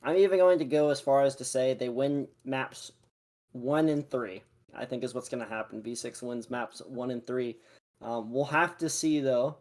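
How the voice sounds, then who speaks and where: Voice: mid-range voice, moderate pace, a little mellow. Casual esports desk analyst. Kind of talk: casual pre-match analysis.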